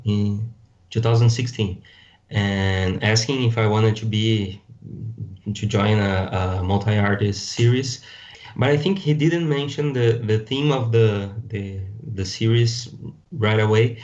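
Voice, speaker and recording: A Brazilian designer with a Portuguese accent joins a podcast as a guest for a casual interview chat, speaking hesitantly and often restarting words while searching for them in English. His voice is on the low side and darkish, and the recording is muffled.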